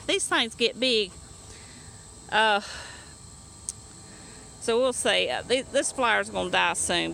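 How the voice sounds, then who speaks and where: Breathless woman vlogging in her garden, gravelly and chatty, faint insect hum outdoors. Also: mid-range voice, pushed and bright, poor audio. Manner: chatty, rambling, with many fillers and restarts. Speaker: home gardener. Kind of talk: casual gardening vlog. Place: backyard garden bed, outdoors. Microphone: phone or camera held while working.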